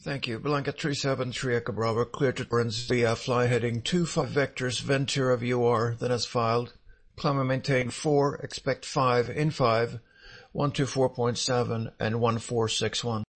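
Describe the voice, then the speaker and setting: A man's voice: mid-range voice, fairly even intonation, normal speed. A man speaking as a pilot, giving terse, procedural radio read-backs to air traffic control.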